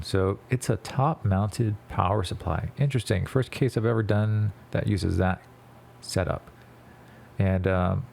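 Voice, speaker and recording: Male tutorial narrator, gravelly and fairly low, nose plugged as if stuffed with gauze, easygoing conversational read. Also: mellow, a little hiss or hum. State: congested after nose surgery, can't breathe through nose. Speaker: video creator narrating a PC build. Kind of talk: casual tutorial voice-over.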